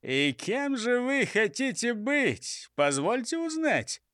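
A man's voice: sits high, lively intonation, moderate pace, fairly bright tone, smooth, no echo, studio quality, voice pushed up. A man reading an audiobook, voicing a bossy, boastful male robber chief who scolds and mocks his gang. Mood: mocking. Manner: scolding, mocking. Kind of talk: audiobook character voice.

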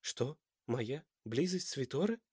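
A woman's voice: fairly low pitch, lively intonation, a little fast, dark tone, no room sound, studio quality, voice pushed up. Brief: male narrator playing a stubborn, clipped young woman, audiobook. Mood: indignant. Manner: firm, clipped, restrained.

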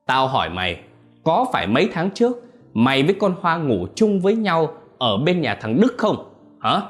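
A man voicing an enraged old village father who shouts and scolds. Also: wildly swooping pitch, moderate pace, faint music behind. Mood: furious. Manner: roaring, scolding, high and strained.

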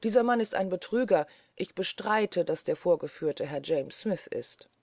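A reader voicing a defiant Frenchwoman in court who speaks in a sharp, clear, hissing voice. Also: medium pitch, fairly even intonation, measured pace, no room sound, clean studio sound. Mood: indignant.

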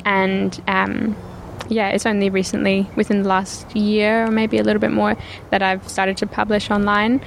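A woman's voice: medium pitch, flat delivery, normal speed, gravelly, hardly any pauses, a little hiss or hum. A woman from Perth with a Scottish accent, a writer guest in casual chat, hesitant and self-deprecating. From Perth, Australia.

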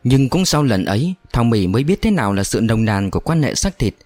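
Male storyteller, steady unhurried narration, mid pitch, dry close sound. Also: dry recording, soft background music.

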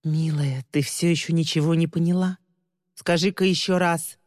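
Woman doing a cruel villainess, sneering, contemptuous, low dark voice, dry close mic, reverb tail. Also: steady tone, normal speed, close to an everyday voice. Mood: taunting. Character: cruel mocking woman villain, scornful and cold.

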